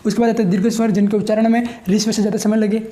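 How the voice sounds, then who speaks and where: A male teacher giving a grammar lesson, who dictates slowly while writing, repeats phrases and asks questions that he answers himself. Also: high-pitched, little pitch movement, dark tone.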